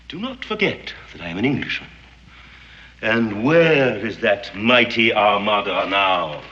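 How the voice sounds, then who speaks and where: An actor playing a grandiloquent English gentleman devoted to a sun god, telling a curse with formal, theatrical diction in a 1960s TV western drama. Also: medium pitch. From England. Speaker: fanatical Englishman guarding Aztec gold. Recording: echoey, dull 1960s TV soundtrack.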